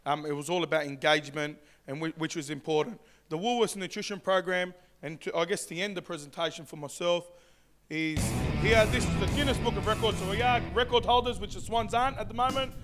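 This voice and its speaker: Man presenting at a summit, high voice, casual, music underneath. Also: fairly quick. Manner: casual, repeats words while narrating slides. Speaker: presenter from a community sports club. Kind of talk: conference presentation.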